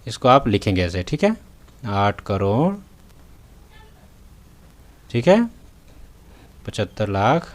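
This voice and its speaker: A man's voice: on the low side, sing-song, slow, long pauses. A man teaching a math lesson in a touch, writing on a tablet as he talks and often checking that the students follow. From North India. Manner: repeats "theek hai" and "hai na", checks in with students. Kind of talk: tutorial lesson. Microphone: voice-over recorded while writing on a tablet.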